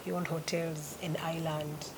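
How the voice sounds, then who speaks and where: A woman's voice: low voice, flat delivery, measured pace. A woman, a musician chatting as a guest in an interview, who repeats words for emphasis. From Uganda. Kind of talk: casual interview chat. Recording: loud crowd in background. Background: crowd noise.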